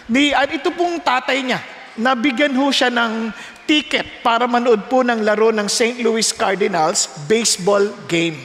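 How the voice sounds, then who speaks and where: High, bright-voiced male preacher in a hall. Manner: animated storytelling, often rising in pitch and volume. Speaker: pastor. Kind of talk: sermon.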